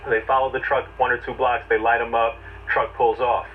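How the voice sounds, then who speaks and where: A man's voice: medium pitch, flat delivery, fairly quick. A man giving a conversational legal explainer, telling it step by step in emphatic short phrases. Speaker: legal commentator. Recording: distant, dull, noisy replayed audio.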